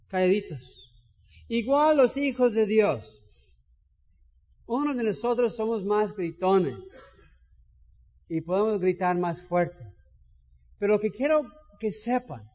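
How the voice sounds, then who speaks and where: High-voiced pastor in echoing hall. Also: male voice. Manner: animated, shouts for emphasis. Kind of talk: sermon. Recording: dull sound with long hall reverb.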